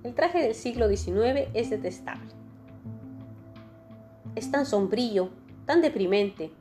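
A woman voicing a witty, languid aristocratic gentleman who talks with a dreamy, ironic drawl in a storybook reading. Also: on the high side, expressive, takes it slowly, over music.

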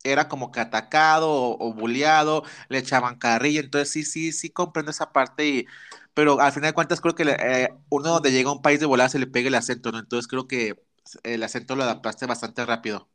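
A man's voice: mid-range voice, fairly even intonation, fairly quick, a bit bright. A man with a Mexican accent hosting a podcast interview, campy, teasing and flirtatious in casual chat. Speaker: podcast host.

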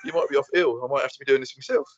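A young man co-hosts a podcast in a medium-pitched voice at a racing pace, with no echo. It's casual banter: he tells rambling, sweary stories and laughs often, and the recording is dry, dull, and lo-fi.

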